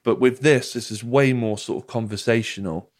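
A man's voice: medium pitch, normal speed. A British man talking casually and conversationally as a podcast host.

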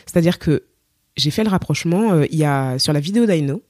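A young woman from Cameroon, a singer, chatting as a podcast guest and telling her story with lively acted-out quotes and many fillers. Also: deep voice, fast, no room sound, clean studio sound. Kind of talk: casual interview chat.

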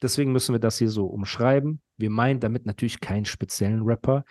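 A man's voice: mid-range voice, fast talker, a little mellow, no room sound. Man chattering nonstop, dry close sound. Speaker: podcast host. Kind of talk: casual podcast storytelling and ranting.

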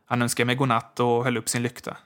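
Male audiobook narrator, measured. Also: medium pitch, monotone, fairly bright tone. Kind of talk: scripted first-person narration.

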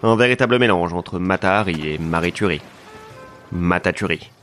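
A man narrating a comic detective story in a deadpan, mock-serious way. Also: sits low, moderate pace, soft background music. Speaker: narrator and lead of a comedy podcast. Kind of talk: scripted comedic detective narration.

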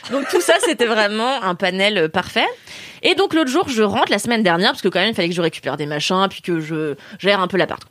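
A woman's voice: medium pitch, fairly quick, dry recording. A young woman co-hosting a casual podcast, telling funny stories with laughter and acted-out quotes. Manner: lively, laughing storyteller, acts out quotes. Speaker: podcast co-host. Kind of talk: casual podcast chat, storytelling.

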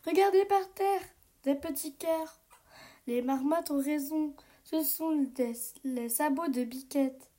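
A woman voicing a curious, excited little girl who hunts for clues in a storybook, exclaiming eagerly. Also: sits high, slow.

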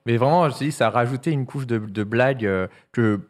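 A man's voice: medium pitch, fairly quick. A man talking about his film in casual chat, hesitant and full of restarts. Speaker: filmmaker guest.

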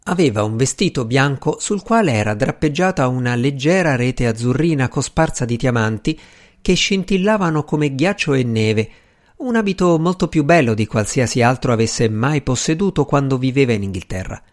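A man reads a novel aloud as narrator, at a steady, even pace. The delivery is calm and measured, mid-pitched and plain. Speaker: audiobook narrator. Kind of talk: scripted narration.

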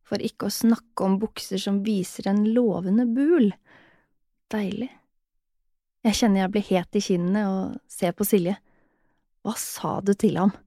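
Soft-voiced woman narrating erotic audio fiction. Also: medium pitch, no room sound, studio quality. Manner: soft, intimate, dipping into whispers.

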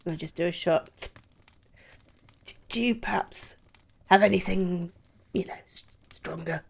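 A woman's voice: fairly low pitch, a little slow, vocal fry, slightly rough. A woman playing her character in a tabletop game, rambling and hesitant as she talks in character. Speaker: player.

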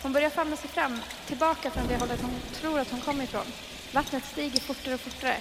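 A woman's voice: sits high, steady tone, in a large hall, background noise. A woman improvising a horror story, narrating with suspense and building tension.

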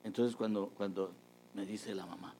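A man preaching a testimony, telling a story with lively energy and acting out the people he quotes. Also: lowish voice, normal speed, slight background noise, low-quality recording. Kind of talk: sermon testimony.

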